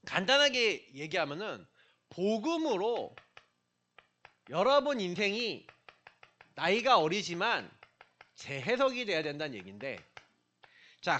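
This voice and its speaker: Middle-aged man, pastor at a church, conversational youth sermon; pitched high, very expressive. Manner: conversational, questions the listeners directly. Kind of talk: sermon to young people.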